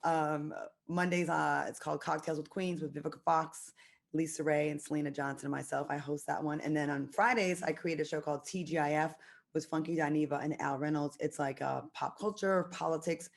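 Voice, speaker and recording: A brash, self-assured woman in middle age introduces herself with joking confidence. Her voice sits low. She talks like a seasoned TV host. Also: fairly even intonation, fairly quick, gravelly. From Rhode Island, USA.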